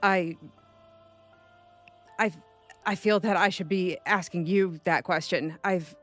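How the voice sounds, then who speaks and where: A player voicing a woman cleric who has been away a long time, speaking haltingly with many restarts. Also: medium pitch, steady tone, a bit bright, soft background music. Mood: troubled. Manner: halting, repeats words. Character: woman, a worried cleric returned from long absence.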